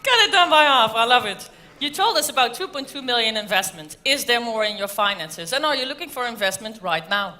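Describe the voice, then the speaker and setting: Bright, high-voiced woman hosting a live event. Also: lively intonation, brisk. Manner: upbeat, echoes speakers' phrases. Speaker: event host and moderator. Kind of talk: live stage moderation.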